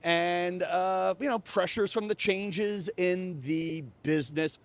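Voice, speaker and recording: A man's voice: high voice, takes it slowly. A man who is a comedian and host, talking in a casual, joking vlog monologue into a small remote microphone. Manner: joking, conversational. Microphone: small remote microphone with a phone.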